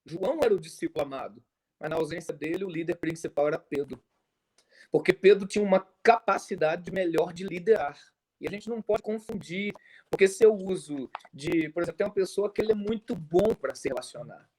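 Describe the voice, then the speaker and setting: A male pastor with a Brazilian Portuguese accent preaching to fellow pastors over a video call, lively and full of stories. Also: sits high, brisk, slightly rough. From Brazil, Minas Gerais. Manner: animated preacher, tells stories, acts out dialogue. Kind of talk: sermon-style talk to pastors.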